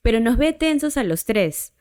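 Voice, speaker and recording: A woman's voice: fairly high pitch, sing-song, normal speed, a little mellow. A woman, a podcast host telling a personal story in a chatty way, often tagging her sentences with a questioning "right?". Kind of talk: casual storytelling.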